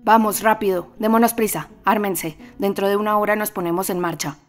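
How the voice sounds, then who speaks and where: A woman's voice: medium pitch, steady tone, a little fast, faint music behind, lightly acted. A woman voicing a male vagabond chief urging his band to arm and hurry. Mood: urgent. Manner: urgent, commanding.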